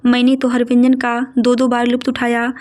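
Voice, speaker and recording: A woman reading the lines of a greedy middle-aged aunt in a storybook tale, gushing and a little louder than her narration. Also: a little high, monotone, brisk, lightly acted.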